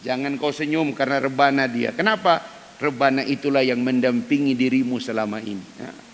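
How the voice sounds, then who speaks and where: A man preaching an emphatic dawn sermon in a mosque, speaking directly to the men of the congregation. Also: a little fast. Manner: acts out quoted prayers in loud, high cries. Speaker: ustadz preacher. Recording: reverberant mosque hall with faint hiss.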